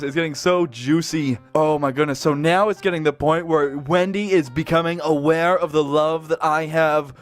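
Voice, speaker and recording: A man reading fan fiction aloud, breaking off often with excited, gushing reactions and laughter. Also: fairly high pitch.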